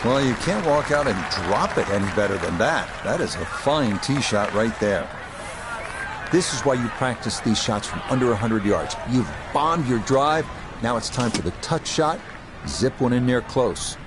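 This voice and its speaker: Male golf commentator, medium register, measured calls, clear crowd and background noise. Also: mid-range voice, animated.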